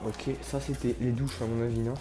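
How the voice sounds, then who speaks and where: A man's voice: medium pitch, level tone, fairly quick, roomy sound. Slangy man vlogging over music. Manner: slangy, awestruck, addresses viewers. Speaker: vlog host. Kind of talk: casual on-site exploration commentary. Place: exploring inside and around an abandoned building.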